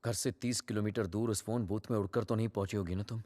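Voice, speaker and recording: An actor playing a worried, short-tempered young husband, talking urgently and mixing Hindi and English. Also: male voice, on the low side, fairly even intonation, fast talker, warm tone, no echo, natural voice. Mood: exasperated questioning. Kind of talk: film drama acting.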